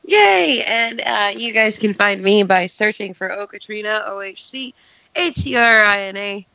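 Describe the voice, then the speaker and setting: A woman's voice: medium pitch, fairly even intonation, moderate pace, sharp tone, no room sound, highs cut off. A woman co-hosting a podcast in casual, bubbly chat, often laughing. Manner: bubbly, giggly. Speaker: podcast co-host.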